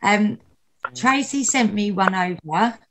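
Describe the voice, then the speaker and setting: A woman's voice: medium pitch, lively intonation, takes it slowly, noisy background. A woman reading tenderly at an online open mic, hesitant and modest in manner. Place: online video call.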